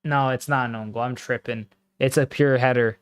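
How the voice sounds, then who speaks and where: A man casually commenting on a football match live for his stream, slangy and excitable, breaking into loud exclamations at big moments. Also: mid-range voice, normal speed, smooth, no echo.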